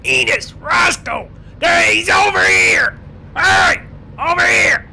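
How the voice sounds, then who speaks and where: A fat, irate county boss in a game roleplay. The voice is very high and strained, full of gravel, and often pushed into a shout. It blusters. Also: male voice, wildly swooping pitch, takes it slowly, full character voice. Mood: frantic, barking. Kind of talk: improvised online game roleplay.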